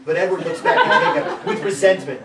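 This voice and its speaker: In a live comedic script reading, a man with a high, wildly swinging voice reads the stage directions fairly quickly. He is playful, often stumbles and slips into asides, and the distant mic picks up an echoey room and audience noise.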